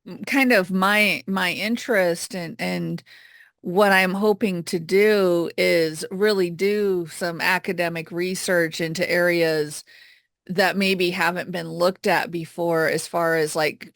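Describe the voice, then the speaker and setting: A woman hosting an interview, speaking thoughtfully with halting restarts. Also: fairly low pitch, steady tone, fairly bright tone, no room sound, studio quality. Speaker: interview host. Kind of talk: casual interview talk.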